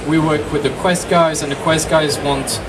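A French game designer in his thirties speaks casually and upbeat to an audience in a small, dark convention room, repeating words as he talks. His voice is a little high, with fairly even intonation and a moderate pace. A distant camera mic picks him up amid loud room noise.

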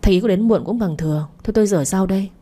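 A woman's voice: mid-range voice, very fast, dark tone, close to an everyday voice. A woman reading the part of a prickly young woman who answers a persistent suitor with curt, sarcastic retorts.

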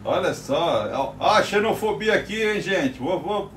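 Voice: mid-range voice, animated, a little slow, fairly bright tone. A Brazilian-accented helper casually reading out comments and chatting on a livestream. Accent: Brazilian Portuguese. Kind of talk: casual chat. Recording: noisy room ambience.

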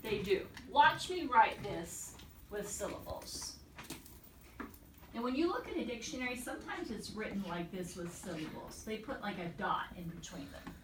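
A woman teacher leading a classroom word-study lesson, encouraging and repeating words slowly and deliberately. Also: mid-range voice, lively intonation, noisy background. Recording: echoey classroom from far off.

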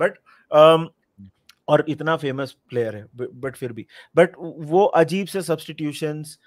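A man from India in a casual football chat, animated and rambling, often groping for players' names. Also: fairly high pitch, slow, no echo. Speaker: football podcast panelist. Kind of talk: casual football chat mixing Hindi and English.

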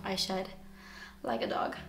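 A woman with a raspy voice today, casually talking through a makeup tutorial in a chatty way full of fillers. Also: a little slow, echoey room, loud music behind the voice. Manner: chatty, filler-heavy, frequent "like". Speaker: beauty vlogger.

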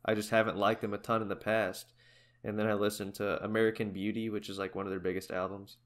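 A man's voice: fairly low pitch, fast talker. A young man co-hosting a podcast, chatting casually about records and bands with lots of fillers. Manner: rambling, relaxed, many fillers. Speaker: podcast co-host. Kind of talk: casual chat.

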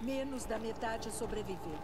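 A woman as a solemn, high-voiced elderly Brazilian matriarch. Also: moderate pace, lightly acted. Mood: grave. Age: older. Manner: solemn, reverent. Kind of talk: dubbed video game drama. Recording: loud game music behind.

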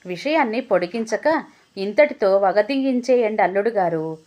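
A woman's voice: mid-range voice, expressive, moderate pace, a little mellow, lo-fi sound, lightly acted. A woman voicing a scheming widowed mother-in-law who talks in a wheedling, evasive way.

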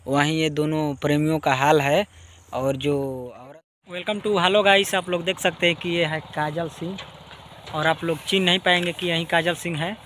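A man's voice: fairly high pitch, fairly even intonation, moderate pace, fairly bright tone, a little hiss or hum. A young man chatting casually as a vlogger, recorded outdoors on a cold rural road with a phone camera held at arm's length. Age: young adult. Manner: chatty, teasing interviewer. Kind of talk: casual village vlog chat.

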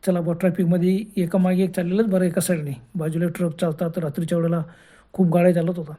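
Woman telling a spooky night-road story in a soft dark tone, easygoing and chatty, restarts mid-phrase a lot. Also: fairly low pitch, little pitch movement. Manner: colloquial, unhurried retelling with restarts. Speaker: horror storyteller. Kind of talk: first-person ghost story narration.

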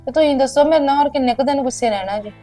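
An actress playing a young wife who speaks to her husband in a soft, coaxing, pleading way. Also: high-pitched, rapid-fire, faint music behind, lightly acted. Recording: distant from mic.

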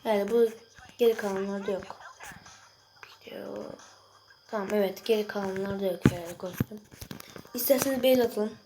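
A young girl chatting excitedly to viewers while she plays a mobile game, reacting loudly to each moment. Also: medium pitch, normal speed, pauses often, background noise. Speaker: gaming video creator. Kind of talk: casual gameplay commentary. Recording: music playing behind the voice.

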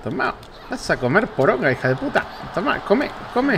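A man with an Argentine accent giving excitable, profane commentary while playing a wrestling video game. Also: sits high, moderate pace, vocal fry, noisy background. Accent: Rioplatense Spanish. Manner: excitable, swearing, taunting the game. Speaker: gameplay streamer. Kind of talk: casual gameplay commentary.

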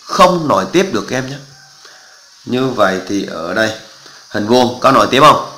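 Bright-voiced teacher man, echoey room. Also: mid-range voice, expressive, normal speed. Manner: explains step by step, often checks if students understand. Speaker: math teacher. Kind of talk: exam walkthrough lesson.

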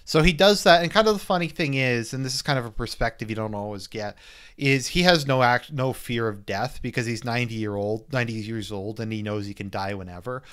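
A man's voice: medium pitch, fairly quick, fairly bright tone, smooth. A man giving a loose, casual spoken movie review as he rambles through the plot. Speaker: film reviewer.

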